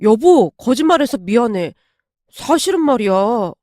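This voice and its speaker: A woman's voice: a little high, big pitch swings, a little slow, mellow, no room sound, studio quality. A woman voicing a young husband who defends himself and pleads with his wife in a dramatized story reading. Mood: defensive. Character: fidgety young husband caught lying.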